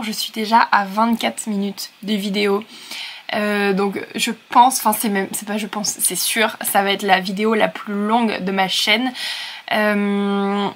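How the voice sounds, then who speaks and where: A woman's voice: mid-range voice, fairly bright tone, a little hiss or hum. A young woman from France chatting to camera at home in a casual reading vlog, rambling with many fillers and self-corrections. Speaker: book vlogger. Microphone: camera set on a surface.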